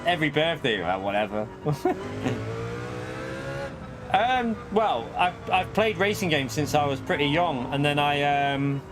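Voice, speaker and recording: Music plays in the background as this British streamer in his forties chats casually over a racing game, full of jokes, frequent laughter and banter with his partner. His voice sits on the high side, with big pitch swings, a measured pace and long pauses.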